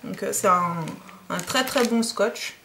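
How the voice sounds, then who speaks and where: A woman's voice: mid-range voice, unhurried, fairly bright tone, a little hiss or hum. A woman in her thirties from France, chatting casually in a DIY unboxing vlog, hesitant with many fillers. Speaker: DIY vlogger.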